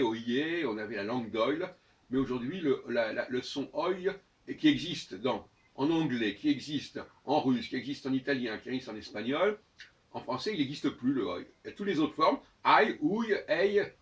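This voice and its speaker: A man giving an unscripted spoken lecture, hesitant, often restarting phrases and slowly spelling letters out. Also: medium pitch, far from the mic. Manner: hesitant, restarts phrases, frequent "euh" and "hein". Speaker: speaker of his own channel.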